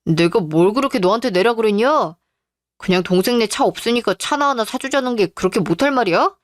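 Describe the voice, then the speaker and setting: A woman's voice: a little high, expressive, brisk, no echo, clean studio sound, lightly acted. Entitled young fiancé, pushy and self-pitying, a woman voicing him. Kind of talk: Korean radio drama.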